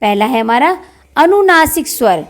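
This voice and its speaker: A woman's voice: sits high, very animated. A woman teaching a grammar lesson, asking questions and answering them herself, and drawing out vowel sounds to show them. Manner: drawn-out demonstration vowels. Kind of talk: classroom-style grammar lesson.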